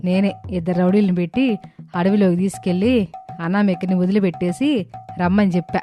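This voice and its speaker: A woman's voice: lowish voice, steady tone, fairly quick, dark tone, faint music behind, lightly acted. Woman playing a greedy scheming mother-in-law. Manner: plotting, wheedling and defensive. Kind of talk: storybook drama acting.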